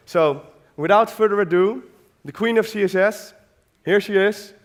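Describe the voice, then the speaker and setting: A man's voice: high voice, normal speed. A man hosting a conference who introduces the next speaker in a casual, enthusiastic, rambling way. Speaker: conference host. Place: conference hall.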